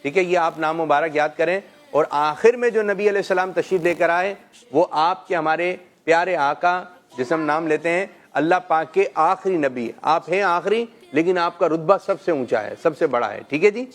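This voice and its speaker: A middle-aged man hosting a children's call-in show, gently quizzing kids and praising them often. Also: a little high. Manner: gentle, coaxing questions, frequent "mashallah".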